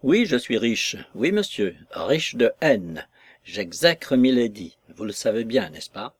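A man's voice: mid-range voice, big pitch swings, takes it slowly, breathy edge, no room sound, clean studio sound, full character voice. A man voicing a scornful, vengeful maid. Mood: scornful fury. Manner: sarcastic, contemptuous, heated.

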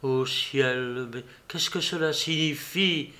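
A man's voice: on the high side, slow, bright, forceful tone. A man voicing a devoted, frightened young woman engaged to be married in an audiobook, with earnest, imploring delivery. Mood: distraught.

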